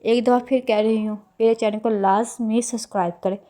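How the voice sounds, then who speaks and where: A woman with a voice a little higher than most tells what happened in a drama episode in a relaxed, chatty way. She reads the characters' lines in her own plain voice rather than acting them out. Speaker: drama episode recap channel host. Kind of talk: casual spoken story recap.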